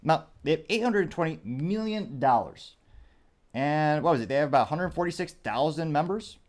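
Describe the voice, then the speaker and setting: A man's voice: a little high, lively intonation, normal speed. A male host delivers casual political commentary. He talks in a chatty, meandering way and often thinks aloud. He drops dry, sarcastic asides along the way. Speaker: show host.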